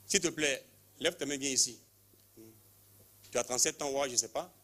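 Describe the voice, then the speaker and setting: A lay preacher leads a charismatic healing service with a prophetic calling, commanding and repetitive as he repeats short phrases, calls people forward, and leads call-and-response prayer. His mid-pitched voice has a sharp tone and a moderate pace.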